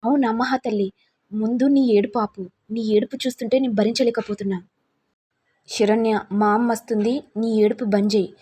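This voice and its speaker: A woman's voice: fairly high pitch, fairly even intonation, brisk, mellow, breathy edge. A woman voicing an angry young husband who taunts and accuses his wife. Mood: taunting.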